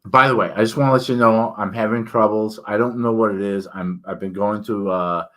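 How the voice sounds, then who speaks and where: A man talking casually and haltingly to viewers as an author, his words thick from a swollen tongue and a sore mouth and throat. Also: on the low side, steady tone, fairly bright tone. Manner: halting, rambling, self-interrupting. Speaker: author and book reviewer. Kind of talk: casual solo vlog talk.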